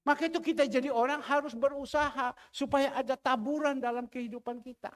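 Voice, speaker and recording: A male pastor, preaching a sermon as an animated storyteller who acts out the voices of the people in his stories. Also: very high-pitched, brisk. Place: large church hall. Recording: long reverb of a church hall.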